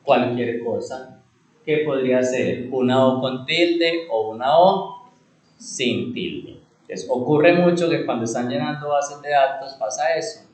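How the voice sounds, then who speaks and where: A male instructor teaching a computer class, asking rhetorical questions and answering them himself, repeating key words and slowing down on them for emphasis. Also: mid-range voice, a little mellow, reverberant, rough recording.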